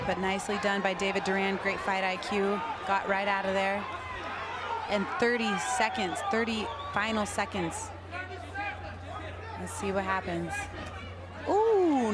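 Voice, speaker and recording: A fight analyst giving conversational live color commentary. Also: medium pitch. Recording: loud crowd and music behind. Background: roaring crowd, music.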